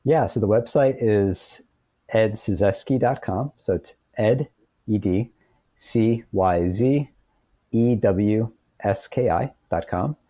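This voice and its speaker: Through dull, lo-fi call audio with a roomy echo, a middle-aged American man, interviewed conversationally as a guest author, earnestly explains things. His lowish voice carries a warm tone.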